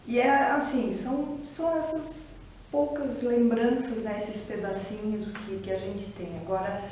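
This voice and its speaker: A woman with a Curitiba Brazilian Portuguese accent speaks slowly and thoughtfully, pausing often as she reflects in an interview. Her voice is mellow and warm. It was recorded from some distance in a very echoey room, with faint ambience behind her. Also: a little high, steady tone, a little hiss or hum. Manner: reflective, hesitant, many pauses and restarts. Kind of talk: personal testimony interview.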